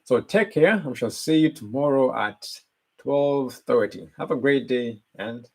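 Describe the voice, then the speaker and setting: A man's voice: mid-range voice, a little slow, vocal fry, low-quality recording. A man hosting a live motivational stream, talking earnestly and repeating his key points. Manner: earnest, repetitive, lively shifts in loudness. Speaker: motivational channel host.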